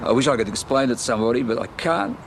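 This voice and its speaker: An actor playing a remorseful Australian father haunted by his violent crime, speaking haltingly and with a heavy heart in a television drama. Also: medium pitch, lively intonation, noisy background, lightly acted. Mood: remorseful, pained. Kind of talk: naturalistic television drama acting.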